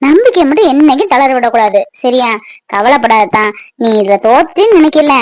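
A woman's voice: sits high, lively intonation, fairly quick, no room sound. A woman acting a wife in a family drama, talking at length in an earnest, reassuring way.

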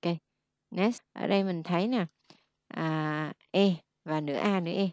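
A woman's voice: on the low side, unhurried, a little mellow. A woman teaching pronunciation one-on-one, patiently modelling each sound and explaining lip and tongue position.

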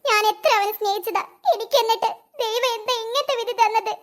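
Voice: very high voice, fairly even intonation, fairly quick, a bit bright. A performer doing a heartbroken young woman. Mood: sad.

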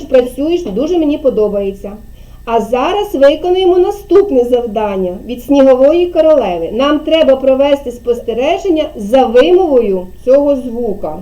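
A woman teaching young children in a kindergarten classroom, speaking slowly and patiently and drawing out her words. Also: high-pitched, dark tone, rough recording. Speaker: preschool teacher.

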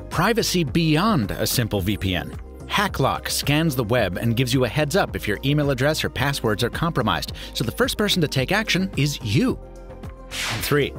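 A man in his thirties from the United States narrating a scripted tech review with lively, emphatic delivery. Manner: lively, emphatic delivery with wide pitch swings. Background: faint music.

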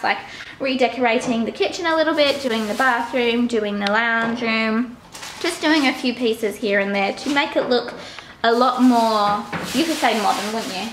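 A young Australian woman with a high voice vlogs casually, chatting straight to a camera she holds at arm's length while moving around her home and car indoors. The low-quality recording has a faint hiss behind her.

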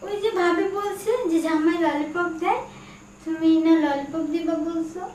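A woman's voice: extremely high pitch, moderate pace, darkish tone, slight background noise. A young woman playing a naive, childlike girl who talks in a whiny, pleading way. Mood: puzzled. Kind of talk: amateur short-film acting. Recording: echoey room, distant mic, music.

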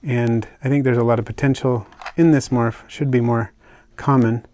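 An older man casually narrating a hobby vlog as he unpacks and shows his isopod purchases, talking in a relaxed, chatty way with fillers and soft asides. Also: mid-range voice, normal speed. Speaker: isopod keeper unboxing purchases. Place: indoors at a table, hands on camera.

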